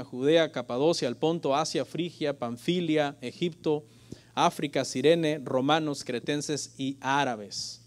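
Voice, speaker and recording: A middle-aged man, preaching a lively sermon in church and joking with the congregation. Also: on the high side. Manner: lively preaching, addressing listeners as "hermano"; jokes with the congregation. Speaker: pastor.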